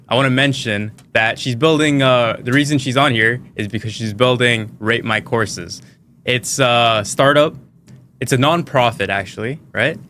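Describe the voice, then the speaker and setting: A man's voice: medium pitch, pushed and bright, slight background noise. A man hosting an interview podcast, introducing his guest casually and upbeat, with frequent short acknowledgements. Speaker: podcast host.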